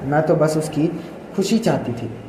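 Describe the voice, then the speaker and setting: A man's voice: fairly high pitch, measured pace, dark tone, lightly acted. A man voicing a scheming young woman who fakes concern and gets flustered, in a storybook reading. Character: scheming young woman, fake sweet and nervous. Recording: echoey room with faint noise.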